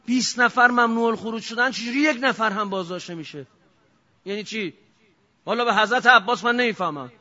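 A man, a cleric, giving an impassioned political sermon, firing off rhetorical questions and swinging from shouting to low, intense speech. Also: few pauses. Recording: dull lo-fi recording.

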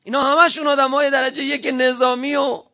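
Guy with a high voice ranting through questions, kinda muffled lo-fi sound. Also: little pitch movement, vocal fry, pushed and bright. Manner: heated, stream of rhetorical questions. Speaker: speaker giving a political talk. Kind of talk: impassioned speech.

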